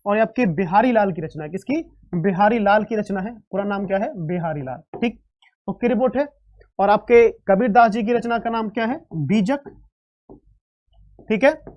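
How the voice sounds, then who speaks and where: A woman's voice: mid-range voice, normal speed, a little mellow, dull audio. A woman teaching a live online Hindi exam-prep class, drilling sounds aloud and calling students "beta".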